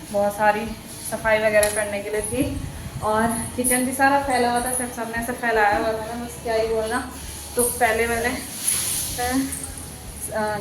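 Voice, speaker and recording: A woman vlogging casually at home, chatty and teasing, often breaking into laughs. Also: medium pitch. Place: home kitchen and indoors. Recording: echoey room with music behind.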